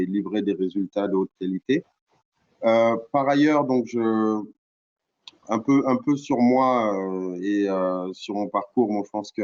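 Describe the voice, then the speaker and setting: A middle-aged man from Cameroon giving keynote remarks on an online panel, earnest and halting, full of fillers and restarts. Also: lowish voice, a little mellow, highs cut off. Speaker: panel guest speaker.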